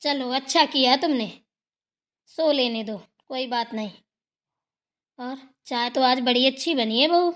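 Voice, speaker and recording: Cartoon grandma, older woman voiced by a woman, low for the actor, teasing scolder. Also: a little slow, pauses often. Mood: mild. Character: stern but fond old village mother-in-law.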